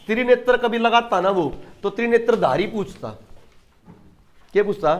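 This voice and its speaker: A man's voice: high-pitched, moderate pace. A man teaching an exam-prep class, emphatic, asking questions and answering them himself.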